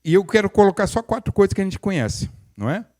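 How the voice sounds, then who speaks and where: A man's voice: high voice, big pitch swings, quick pace, a little mellow. An older male pastor, preaching in a folksy, conversational way with humorous asides and frequent restarts. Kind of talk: sermon.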